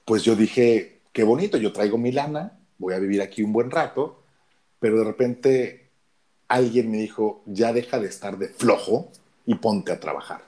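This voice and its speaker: A radio announcer with a Mexican Spanish accent tells his own story in casual conversation, acting out the dialogue as he goes. His voice is deep and warm, at a moderate pace.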